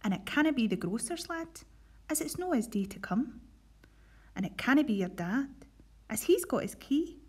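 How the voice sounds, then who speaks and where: Woman putting on a welcoming storybook mum, Scottish accent, high sing-song voice, breathy edge. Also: sing-song, normal speed. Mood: wondering. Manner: warm, sing-song questioning.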